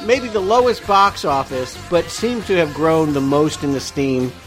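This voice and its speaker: Higher-voiced man co-hosting a film podcast. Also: measured pace, soft background music. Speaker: podcast co-host. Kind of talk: casual film review chat.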